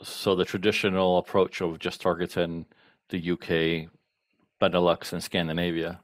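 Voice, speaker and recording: Low-voiced man hosting an interview. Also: level tone, normal speed, no room sound. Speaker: interviewer, host. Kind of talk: conversational market update interview.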